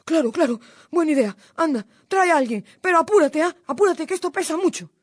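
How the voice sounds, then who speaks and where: A woman doing a blustering fox, hungry and easily fooled, loud and raised in pitch, yelling threats and frantic cries, storybook telling on a dry close mic. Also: expressive, brisk, no room sound. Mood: hurried. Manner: shouting threats and panicked cries for help. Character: angry hungry male fox, blustering and gullible. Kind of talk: storybook narration.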